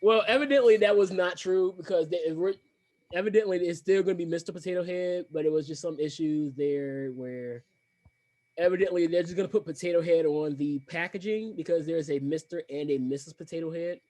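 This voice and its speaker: A man's voice: fairly high pitch, a little fast, a little mellow. A man co-hosting a podcast in casual chat, opinionated and rambling with restarts. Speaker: podcast co-host.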